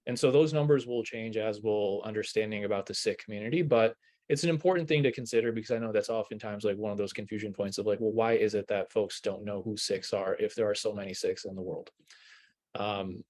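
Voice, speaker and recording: Low-voiced man explaining on a call. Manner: relaxed, filler-heavy, conversational. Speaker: workshop presenter. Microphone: video call.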